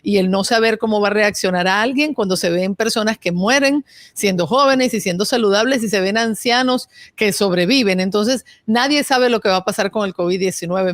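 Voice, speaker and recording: A woman's voice: medium pitch, no echo. A woman hosting an interview, speaking in a composed, reflective way and often murmuring along as her guest talks. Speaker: interview host. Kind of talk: interview host questions and program narration.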